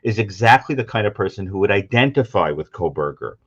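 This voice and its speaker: A man with a fairly low voice gives his opinion as a panelist. He presses his point insistently. The recording sounds a touch muffled. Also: animated, fast.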